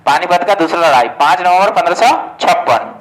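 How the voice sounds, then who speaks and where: A man's high-pitched voice moves a little fast, with lively intonation and a somewhat bright tone, on low-quality audio. He's an exam coaching teacher casually teaching history for exams, questioning and answering himself and often saying "ठीक है".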